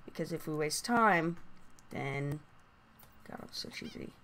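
A woman giving casual, rambling gameplay commentary through a voice changer, halting and prone to excited exclamations. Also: medium pitch, slight background noise. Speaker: gaming video host.

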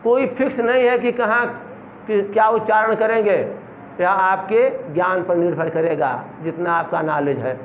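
A middle-aged man, teaching a classroom reading lesson, slowly spelling out words syllable by syllable. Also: high-pitched, reverberant. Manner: slow, drawn-out syllable-by-syllable spelling. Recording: tinny phone-like recording with faint hiss.

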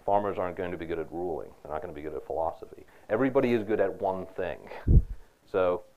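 Man, university lecturer, low voice, conversational, dull lo-fi recording. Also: fast talker. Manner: conversational, asks students questions, repeats "right?".

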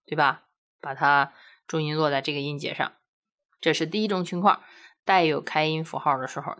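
A woman with a low-pitched voice gives a recorded language lesson. She explains patiently, step by step, and keeps checking in with rhetorical questions. Now and then she slowly sounds out practice syllables for her students. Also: fairly bright tone. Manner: drills syllables aloud slowly. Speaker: language teacher.

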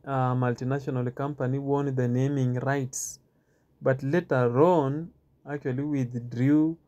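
A man giving a walking stadium tour outdoors, talking haltingly with many filler pauses and repeats, recorded on a handheld phone. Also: mid-range voice, warm tone. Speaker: tour guide.

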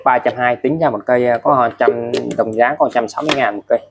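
Man, casual seller, repeats prices, mid-pitched voice, faint background noise. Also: quick pace. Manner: repetitive, keeps restating prices and codes; chatty, ends phrases with friendly particles. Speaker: used tool seller. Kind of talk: casual product showcase.

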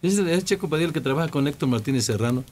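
Jokey Mexican radio co-host. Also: male voice, a little high, rapid-fire, heavy background noise. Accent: Mexican Spanish. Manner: jokey, animated retelling. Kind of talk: casual radio chat, storytelling.

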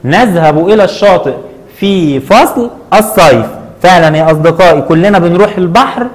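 High-voiced Egyptian teacher, patient. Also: male voice. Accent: Egyptian Arabic. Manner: patient, asks questions and answers them himself, stretches words slowly. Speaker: primary school Arabic teacher. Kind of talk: online lesson for children.

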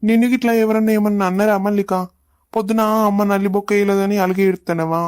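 A woman's voice: mid-range voice, flat delivery, very fast, background noise, lightly acted. A woman playing a doting young husband who coaxes his wife in Telangana Telugu. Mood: coaxing. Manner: coaxing, affectionate, then indignant. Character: doting young husband, protective and quick-tempered.

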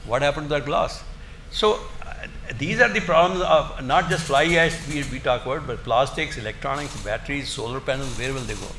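An older man giving an academic lecture in a halting, emphatic way, often repeating his words. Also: mid-range voice, sharp tone. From India. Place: indoor lecture room, seated at a desk. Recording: roomy echo, faint background noise.

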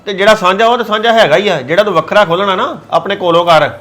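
A man's voice: high-pitched, fast talker, fairly bright tone. A man playing a stern elder brother, scolding his younger sibling in an exasperated way. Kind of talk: scripted web drama acting.

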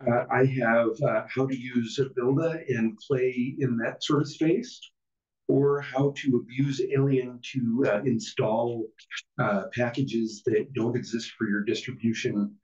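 A man giving a casual technical presentation to a user group. He talks haltingly, with many fillers and self-deprecating asides. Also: medium pitch, steady tone, darkish tone. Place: meeting room with an audience. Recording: distant, roomy, dull room recording.

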